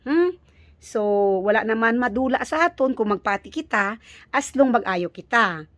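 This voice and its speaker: A woman's voice: a little high, fairly bright tone, dry recording. Filipino woman vlogger, close dry sound. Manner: halting, with searching pauses and repeated words. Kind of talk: casual vlog chat to viewers.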